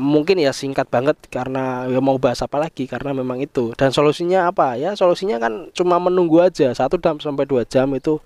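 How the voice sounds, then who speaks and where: A man's voice: mid-range voice, a little mellow, dry recording. A man casually explaining things to his viewers in a vlog, talking them through it as friends and trailing off with easy filler words. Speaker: vlogger explaining app credit errors.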